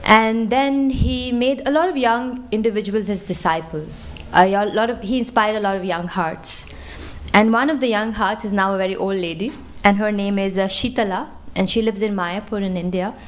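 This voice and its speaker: Woman, temple lecture, conversational, fillers, interactive, mid pitch. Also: normal speed, slight background noise. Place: temple hall.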